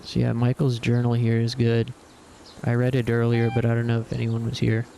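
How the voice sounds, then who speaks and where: A man streaming a game, chatting casually and reading in-game journals aloud at an unhurried, slightly hesitant pace. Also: medium pitch, monotone, vocal fry.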